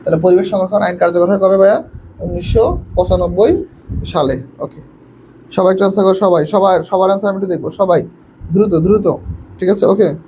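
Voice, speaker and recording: Fast, high-voiced young man teaching online. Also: fairly even intonation, dark tone, slight background noise, poor audio. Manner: quizzing students, urging quick answers; repetitive, mixes in English words. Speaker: admission coaching teacher. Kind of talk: online class lecture.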